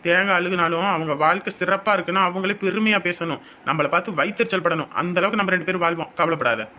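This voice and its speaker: A man's voice: high voice, quick pace, bright, forceful tone, a little hiss or hum. An actor playing a confident young man who reassures his anxious bride in a family drama. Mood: reassuring. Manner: reassuring, boastful.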